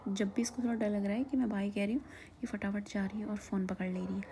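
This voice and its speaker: A woman casually narrating a vlog, often slipping into a soft whisper and laughing. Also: mid-range voice, a little hiss or hum. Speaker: vlogger.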